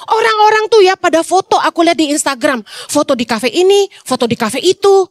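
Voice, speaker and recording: A woman's voice: very high voice, expressive, a little fast, no room sound, clean studio sound. A middle-aged woman pastor, preaching casually with humor and acting out quoted dialogue. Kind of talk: conversational sermon.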